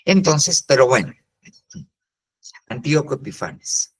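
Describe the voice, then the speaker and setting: Slow, husky older man teaching scripture. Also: mid-range voice, very animated, low-quality recording. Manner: explains slowly, pauses with "entonces" and "fíjese bien". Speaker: Bible teacher. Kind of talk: virtual discipleship class. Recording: live stream.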